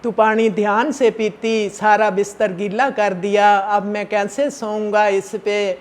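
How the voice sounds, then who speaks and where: A man's voice: sits high, little pitch movement, a little slow. A man doing an irritable grown son. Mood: irritated.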